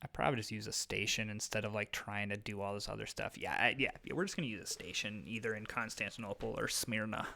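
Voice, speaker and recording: A man's voice: fairly low pitch, little pitch movement, fast talker, gravelly, hardly any pauses, pushed and bright. A man in his thirties with a Midwestern American accent, rambling casually with lots of fillers while playing a board game online. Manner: rambling, filler-heavy, self-deprecating. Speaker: gaming YouTuber. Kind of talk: casual let's-play commentary.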